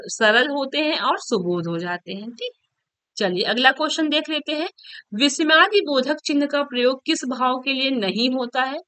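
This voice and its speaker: A woman's voice: high voice, pushed and bright, no echo. A woman teacher giving an online exam-prep lesson, explaining step by step, checking in often and writing on a board as she goes. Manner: writes and erases on a board while talking.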